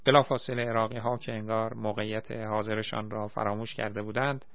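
A man reading a war memoir aloud in a measured, plain storytelling manner, in a dry, slightly muffled recording. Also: lowish voice, flat delivery, creaky, no room sound.

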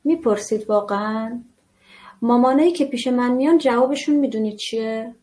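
A woman teaches parents in a live online session, her voice sitting a little high. She speaks in a chatty, earnest way and keeps asking her listeners whether things sound familiar. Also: dark tone. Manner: conversational, asks listeners rhetorical questions. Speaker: parenting instructor.

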